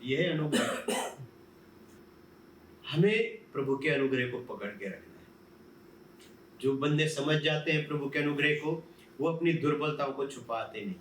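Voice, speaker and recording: A man's voice: a little high, lively intonation, unhurried, pauses often, fairly bright tone, slight background noise. A male pastor preaching a sermon, posing questions and answering them himself. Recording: roomy, from a distance, faint ambience.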